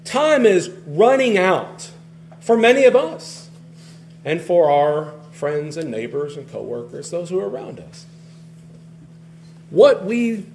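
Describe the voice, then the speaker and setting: A man preaching a sermon in a conversational, animated way, often restarting phrases and swinging between loud and soft. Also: high voice, a little hiss or hum. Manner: conversational, animated, frequent restarts, varies loudness widely.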